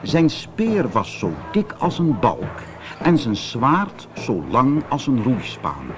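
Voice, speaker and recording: Dutch guy narrating a kids audiobook, animated up and down, dramatic. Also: medium pitch, takes it slowly, music in the background. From Netherlands. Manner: expressive, dramatic storytelling. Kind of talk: audiobook fairy-tale narration.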